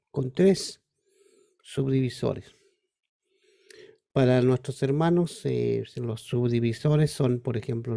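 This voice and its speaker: A Chilean pastor leads a Bible study class over a video call, speaking in an informal, unhurried way. His voice is gravelly and very dark, with a heavy fry underneath. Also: mid-range voice. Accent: Chilean Spanish.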